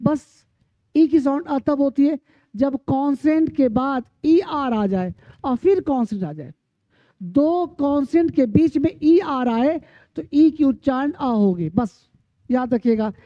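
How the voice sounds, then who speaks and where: High-voiced woman teaching pronunciation slowly. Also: expressive, no echo. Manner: repetitive, drilling word lists, asks and answers own questions. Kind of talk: classroom-style lesson. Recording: dry, dull lo-fi sound.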